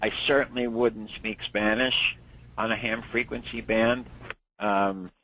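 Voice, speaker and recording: On a low-quality recording with slight background noise, a man's lowish voice comes across flat, slow and sharp. He's a sixty-something Long Islander with a New York accent, teaching a ham radio licensing class casually, swapping stories and repeating words when he begins again.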